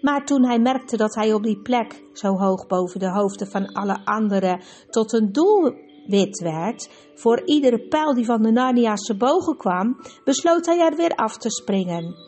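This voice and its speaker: A woman reading a storybook aloud in a lively, expressive way, her voice sitting a little high. Soft music plays quietly behind her. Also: unhurried. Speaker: narrator.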